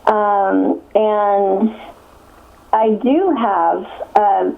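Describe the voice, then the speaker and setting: Over a tinny phone line, an author from Connecticut, USA, answers interview questions as a guest, chatty and laughing frequently amid fillers and restarts. Her mid-range, gravelly voice is extremely slow.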